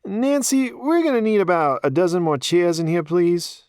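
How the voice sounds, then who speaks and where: A portly small-town mayor voiced by a male audiobook narrator speaks in a thick New York accent, noticeably higher than the narrator's own voice. He is brisk and matter-of-fact. The recording is dry and close. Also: darkish tone, clean tone, no echo, close to an everyday voice.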